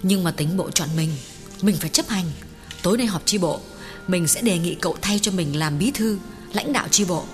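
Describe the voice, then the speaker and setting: A woman voicing a resolute young village woman in an audiobook, speaking calmly, earnestly and respectfully. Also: lowish voice, moderate pace, long reverb tail, faint music behind, natural voice. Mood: firm.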